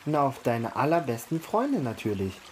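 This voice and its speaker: A man reading aloud and voicing a friendly, eager hare in a picture book, bright and raised. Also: medium pitch, sing-song, normal speed, slight background noise, close to an everyday voice.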